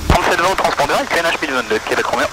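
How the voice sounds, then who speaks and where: Higher-pitched male student pilot on a noisy headset. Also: animated, rapid-fire. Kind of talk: procedural cockpit callouts and radio calls. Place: small light aircraft cockpit. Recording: pilot headset, loud aircraft engine noise.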